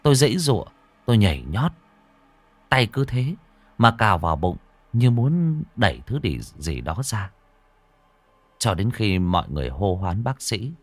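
Deep-voiced man telling a horror story. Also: a little slow, pauses often, no room sound. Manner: dramatic, expressive.

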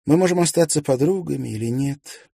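A man voicing a lonely young gentlewoman who speaks gently but decisively, in an audiobook. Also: on the high side, brisk, gravelly, husky, no room sound, clean studio sound, pitched above the performer's own voice. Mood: earnest kind. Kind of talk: audiobook character voice.

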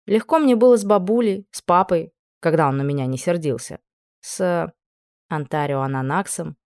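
A woman narrates first-person fiction in a fairly low voice. She reads with lively irony, and the recording is dry and close. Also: normal speed, clean tone, no room sound. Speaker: audiobook narrator.

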